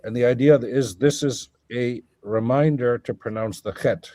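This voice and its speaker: A guest scholar in an academic conversation lectures at length, thinking aloud with lots of fillers, restarts and self-corrections. His voice is medium in pitch and dark in tone, moving at a moderate pace, with no room sound.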